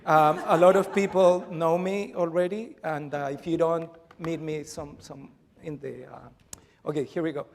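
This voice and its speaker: A man from Chile, a university professor, giving a brisk, informal conference talk with light jokes. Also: on the high side, fairly even intonation, darkish tone, slight background noise.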